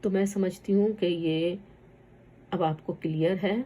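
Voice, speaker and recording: A woman teaching an online lesson on Quranic recitation, patiently repeating each sound slowly for learners. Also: on the low side, fairly even intonation, warm tone.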